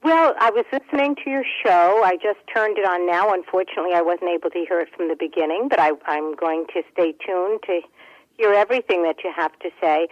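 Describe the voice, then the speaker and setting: A woman's voice: fairly low pitch, no echo. Woman caller on a clipped phone line. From New Jersey. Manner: friendly, hesitant, rephrasing herself. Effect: clipped, dull telephone line. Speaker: radio call-in caller. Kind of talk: casual call-in chat.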